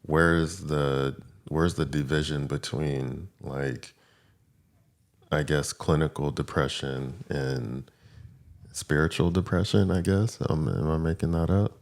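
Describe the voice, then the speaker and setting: A man with an extremely deep voice and a heavy gravelly fry speaks as a podcast co-host. He thinks aloud reflectively, restarting phrases and posing questions in easygoing conversation. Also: fairly even intonation, slow. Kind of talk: casual chat.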